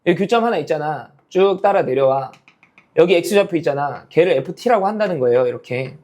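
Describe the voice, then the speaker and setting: A man teaching a math lecture, explaining a graph step by step and constantly checking whether students follow with quick tag questions. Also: a little high, lively intonation, darkish tone. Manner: calls himself teacher, half-casual speech.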